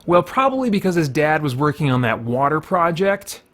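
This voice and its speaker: A man with a fairly high, slightly bright and very animated voice hosts a gaming video series at a moderate pace. He gives casual gameplay commentary, thinking aloud and explaining his reasoning as he plays.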